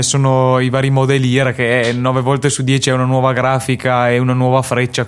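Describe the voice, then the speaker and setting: A man with a persistent cough, chatting hesitantly as a podcast co-host with frequent pauses. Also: mid-range voice, clean tone. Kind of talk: casual podcast discussion.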